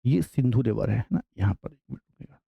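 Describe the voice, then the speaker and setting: Male teacher, medium pitch, poses questions and answers them, dry dull-sounding recording. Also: lively intonation, quick pace, gravelly, husky, dry recording. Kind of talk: exam-prep geography lecture.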